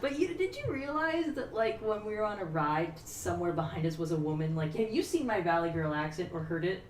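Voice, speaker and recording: A young woman streamer chatting casually and telling animated stories, acting out what people said. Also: fairly low pitch, brisk. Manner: animated storyteller, lively voices for quotes. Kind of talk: casual chat. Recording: roomy, from a distance, faint noise.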